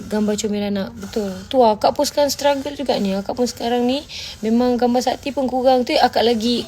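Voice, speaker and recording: A woman's voice: fairly high pitch, darkish tone. A woman with a Malaysian Malay accent hosts a casual livestream, answering viewer comments bluntly and mixing Malay with English while she scolds her audience. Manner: blunt and scolding, often asks "faham tak?".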